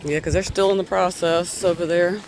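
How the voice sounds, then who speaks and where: A man with a notably high voice talks casually and unscripted on a walking tour, pausing and correcting himself as he goes. He is outdoors by the water, with faint background noise. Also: fairly even intonation. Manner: unscripted, stammering, chatty. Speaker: vlog host.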